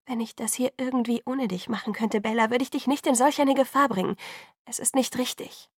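A woman's voice: fairly high pitch, steady tone, fairly quick, breathy edge, no echo, studio quality, voice pushed up. A woman voicing an anxious young woman who speaks urgently and often drops to a whisper. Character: anxious young woman pleading in hushed tones.

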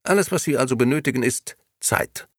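A man voicing a cold, persuasive grey male agent who talks in a clipped, insistent sales pitch. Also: brisk, dry recording, clean studio sound, lightly acted. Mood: coldly persuasive.

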